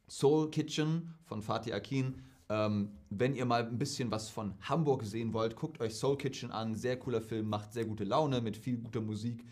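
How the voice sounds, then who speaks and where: Chatty German man answering viewer questions. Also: medium pitch. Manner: lively, chatty, acts out quoted speech. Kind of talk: casual Q&A vlog.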